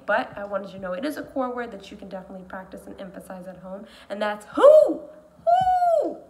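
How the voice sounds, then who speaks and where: A woman teacher giving a read-aloud lesson, telling the story in an animated way with sudden whispers and exclamations. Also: on the high side, a little hiss or hum.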